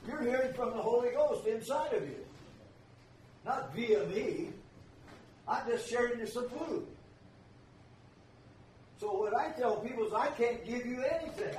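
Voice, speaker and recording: A man's voice: sits high, darkish tone, slight background noise. An older man preaching a sermon, emphatic and repeating his key phrases. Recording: echoey room, voice from far off.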